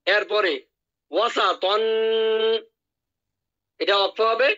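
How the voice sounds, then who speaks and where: High, bright-voiced male Quran teacher. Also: muffled recording. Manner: drills words by repeating them slowly. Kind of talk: online tajweed lesson.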